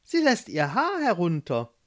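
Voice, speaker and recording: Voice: medium pitch, wildly swooping pitch, a little slow, a bit bright, pitched above the performer's own voice. A storyteller voicing an eager, lovestruck young prince who speaks earnestly, in a read-aloud fairy tale.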